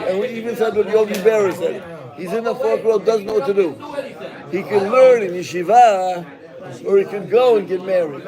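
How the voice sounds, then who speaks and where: Animated rabbi teaching a class. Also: male voice, high-pitched. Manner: animated, joking, calls on students by name. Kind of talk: animated Talmud class lecture.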